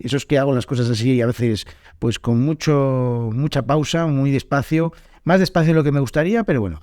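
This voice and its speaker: A man, hosting a podcast lesson and explaining grammar in a relaxed, unscripted way with many fillers and pauses. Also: on the high side, no echo, studio quality. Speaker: podcast host and Spanish teacher.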